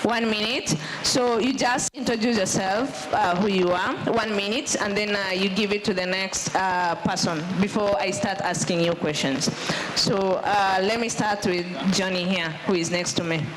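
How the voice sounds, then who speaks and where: A woman moderating a conference panel, repeating prompts and filling pauses with "uh" as she guides the speakers. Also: mid-range voice, steady tone. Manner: directive, repeats prompts, frequent uh fillers. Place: conference venue. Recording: background noise.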